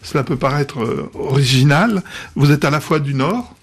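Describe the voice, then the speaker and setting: A man hosting a broadcast interview, putting brisk, structured questions to his guest. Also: on the high side, animated, gravelly, husky.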